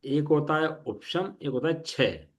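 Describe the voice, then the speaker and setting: Man teaching a class, slow and deliberate. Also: on the high side. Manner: slow, deliberate reading of definitions, checks understanding. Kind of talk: classroom teaching with questions to students.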